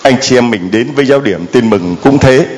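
Animated Vietnamese-speaking priest preaching. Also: male voice, mid-range voice, brisk. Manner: dramatic, animated storytelling with sound effects. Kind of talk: sermon.

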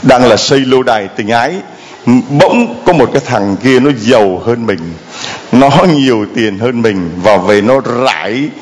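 A man preaching a sermon as a priest, telling the story dramatically and animatedly, with sound effects. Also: mid-range voice.

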